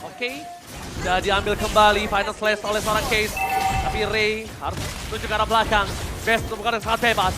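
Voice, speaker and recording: High-pitched, hyped Indonesian male game announcer. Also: fairly even intonation, a little fast. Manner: shouts and stretches out big calls. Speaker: esports play-by-play caster. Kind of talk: high-energy game commentary, like a fighting game announcer. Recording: music and crowd noise behind the voice.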